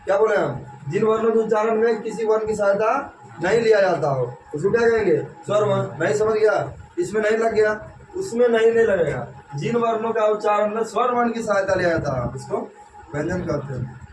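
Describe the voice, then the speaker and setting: A man's voice: high voice, fairly quick, distant mic. A man teaching a classroom grammar lesson, quizzing the students with repeated questions. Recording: echoey classroom with noise.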